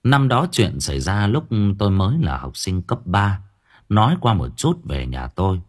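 Male audiobook narrator, low and husky, lively intonation across a spooky story. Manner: expressive, measured storytelling. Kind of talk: first-person horror story narration.

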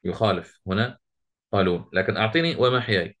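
A man teaching a Quran recitation lesson, quizzing his students and chanting the verses he quotes slowly. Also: on the low side, a bit bright.

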